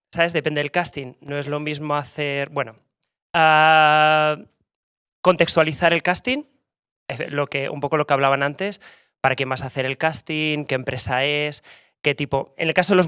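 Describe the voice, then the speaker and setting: A man's voice: on the high side, steady tone, normal speed, fairly bright tone, clear, resonant tone, dry recording, clean studio sound. A man, a musical theatre actor, giving practical casting advice to students in a casual way. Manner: practical, casual, with tag questions. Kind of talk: panel talk to students.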